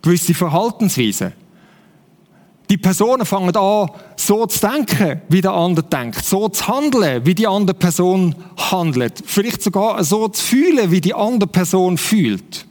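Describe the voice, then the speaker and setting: High-voiced Swiss preacher in a hall. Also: male voice, big pitch swings, measured pace, a little mellow. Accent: Swiss German. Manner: conversational, keeps asking the congregation "oder?". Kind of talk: sermon. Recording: long hall reverb.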